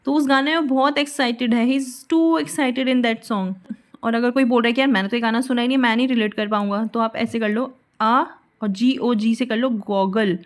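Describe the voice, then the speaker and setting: High-voiced woman teaching vocabulary. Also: steady tone. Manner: patient, repeats words slowly and spells them out. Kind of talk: explanatory lesson with memory tricks.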